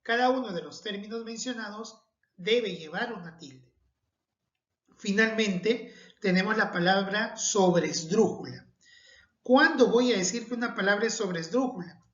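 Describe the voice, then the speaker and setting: A woman teaching a recorded spelling lesson, speaking slowly and carefully and stressing each example word. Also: medium pitch. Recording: dull echoey room.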